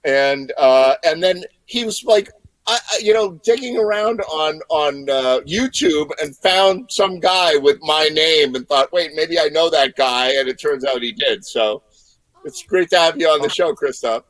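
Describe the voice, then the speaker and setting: A man's voice: fairly high pitch, measured pace, a bit bright, no echo, low-quality recording. A man hosting a casual online music show, chatting and telling a rambling story. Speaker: host. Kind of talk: casual video-call chat.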